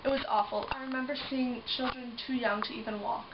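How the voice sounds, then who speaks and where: A woman playing a young survivor of a prison camp, speaking in a solemn, measured way in a mock news interview. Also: high-pitched, fairly even intonation, natural voice. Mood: grave. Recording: dull distant recording with noise.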